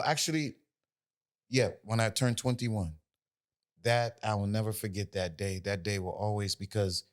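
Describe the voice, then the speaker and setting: An American man in his forties, a singer, telling his story in a casual interview with many fillers and restarts. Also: fairly low pitch. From United States. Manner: loose, rambling, lots of fillers and restarts. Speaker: guest, singer.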